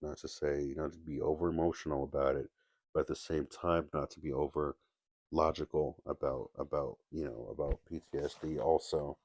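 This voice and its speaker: A man with a very deep voice talks in a halting, restarting way, his words full of gravelly fry. He keeps his voice low and quiet. The sound is dry and close, with no room echo. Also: fairly even intonation. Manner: halting, many restarts and fillers, kept quiet. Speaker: video essayist. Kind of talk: casual solo commentary.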